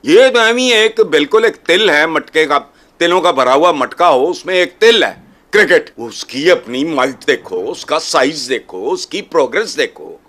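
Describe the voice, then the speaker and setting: A man's voice: fairly high pitch, animated, normal speed, fairly bright tone. A man with a Pakistani accent, a TV panelist scolding his listeners in a heated debate and repeating words for force.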